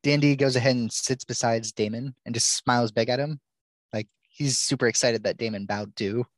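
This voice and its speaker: A player in a tabletop game chats casually about a character's reactions. The voice is mid-pitched, in a dry recording without room sound. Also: steady tone, moderate pace, no room sound.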